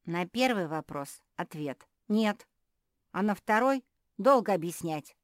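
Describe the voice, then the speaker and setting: A woman's voice: medium pitch, animated, slow pace, no echo, studio quality, voice pushed up. A woman voicing a tiny, kind male gnome who is eager to help. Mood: cheerful.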